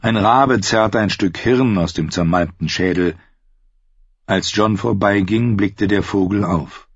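Male audiobook narrator, low voice, dry and dull recording. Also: measured pace, slightly rough, no room sound. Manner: lively, expressive reading. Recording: muffled lo-fi recording.

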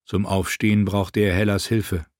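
A man narrating a fantasy audiobook in a measured, even storytelling voice. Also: on the low side, no echo, studio quality. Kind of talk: scripted narration of fantasy fiction.

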